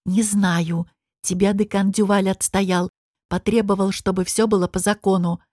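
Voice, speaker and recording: A woman's voice: mid-range voice, flat delivery, normal speed, darkish tone, no echo, studio quality, close to an everyday voice. A woman voicing a sullen young man who guards a prisoner and explains her fate, in an audiobook. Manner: embarrassed mumbling.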